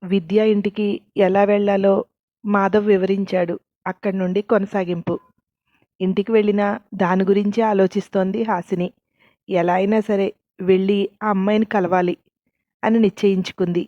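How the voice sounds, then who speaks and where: A woman narrating a story as a storyteller, reading in a steady, even way. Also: mid-range voice, normal speed, long pauses, no echo, dull audio. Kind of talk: scripted narration.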